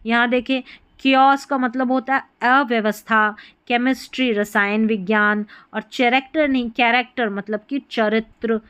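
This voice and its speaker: A patient woman teacher with a slightly high voice explains a lesson step by step. She repeats words and spells letters out slowly. The sound is close and dry. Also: no echo. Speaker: English teacher. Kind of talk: spoken classroom lesson.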